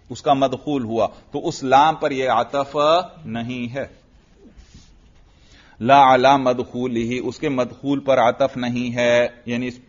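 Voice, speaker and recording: A man's voice: a little high, highs cut off. A man with a Pakistani Urdu accent, teaching an Arabic grammar class. He explains step by step, recites example phrases and keeps asking his students questions. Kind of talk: classroom lecture.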